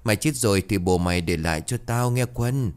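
A man voicing a brash young male worker who teases his friends in a quick, mocking way. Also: fairly low pitch, darkish tone, clean tone, lightly acted.

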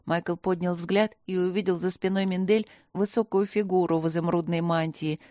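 A woman narrating a fantasy story in a steady, measured way. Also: lowish voice, dry recording, studio quality. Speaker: audiobook narrator.

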